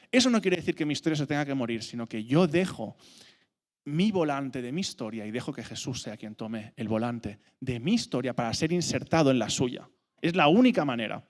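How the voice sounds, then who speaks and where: A man from delivers a sermon with a lively, swinging pitch. He slows down deliberately to lean on each scripture line. His voice carries a long reverb from the church hall around him. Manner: animated, slows down for emphasis when reading scripture. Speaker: preacher.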